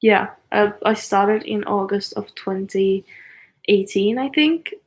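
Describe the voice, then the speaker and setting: A woman's voice: medium pitch, takes it slowly. A woman of twenty chatting casually on a livestream, hesitant and full of fillers and apologies. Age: 20s. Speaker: YouTuber on a livestream. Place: apartment.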